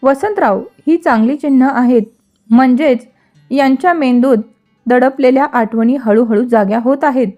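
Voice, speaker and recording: A woman reading the part of a calm, wise male doctor who speaks in a soothing, measured way. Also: sits high, faint music behind, close to an everyday voice.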